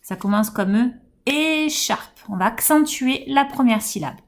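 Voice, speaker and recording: A woman kindergarten teacher with a French accent, giving a home-school phonics lesson to young children, speaking slowly and articulating each word with gentle encouragement. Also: fairly high pitch.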